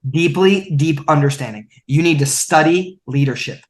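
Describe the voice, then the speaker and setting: In a motivational podcast conversation, a guest in his twenties talks in an emphatic, coaching style and acts out quotes. His voice is on the high side, at a moderate pace.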